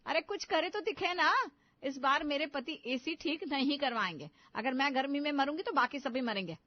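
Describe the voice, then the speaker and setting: A sharp-tongued young wife who is touchy about money and quick to quarrel, as a woman narrator plays her. She talks in a complaining way at a fairly high pitch. The sound is dull and lo-fi. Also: animated, dry recording. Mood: arguing.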